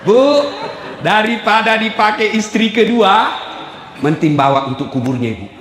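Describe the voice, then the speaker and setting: A man's voice: high voice, moderate pace. A man preaching a humorous sermon to a live audience, telling jokes and acting out quoted husbands and wives. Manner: lively joking storyteller, acts out quoted husbands and wives. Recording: echoey hall recording with faint noise.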